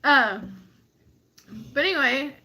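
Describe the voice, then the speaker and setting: A woman's voice: high-pitched, lively intonation, slow pace, background noise. A woman co-hosting a casual livestream chat, giggling often as she talks. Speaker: co-host.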